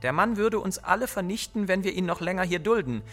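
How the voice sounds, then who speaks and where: A man's voice: mid-range voice, normal speed, bright, forceful tone, close to an everyday voice. A male audiobook narrator voicing a grim, scheming member of a secret society, talking in an urgent, conspiratorial way. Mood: grimly resolved.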